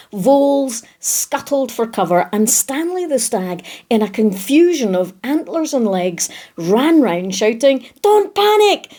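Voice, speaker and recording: A woman gently reading a children's animal story aloud. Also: a little high. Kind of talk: scripted storybook narration.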